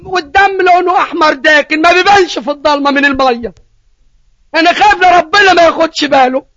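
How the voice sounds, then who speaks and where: Egyptian man putting on a frightened little boy, high and fast, tearful, on dull lo-fi sound. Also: sharp tone, no room sound. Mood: fearful. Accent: Egyptian Arabic. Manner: tearful, fearful pleading. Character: frightened young firstborn boy, anxious.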